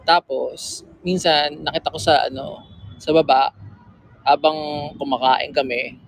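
A man's voice: fairly high pitch, fairly even intonation, a little slow, gravelly, dry recording, low-quality recording. A man chatting casually with fans on a livestream, teasing and reading their comments aloud, with a slightly sore throat. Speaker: livestream host.

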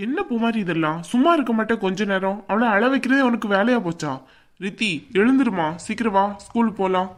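Woman as a patient cartoon dad, mid-pitched, calm and reasoning. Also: brisk, lightly acted. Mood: gentle. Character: patient family father. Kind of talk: cartoon voice acting.

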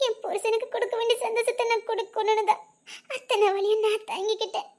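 A woman's voice: very high-pitched, moderate pace, gravelly. A woman voicing a wounded young wife who speaks in a tearful, bitter, accusing way in a spoken drama. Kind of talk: Tamil audio drama acting.

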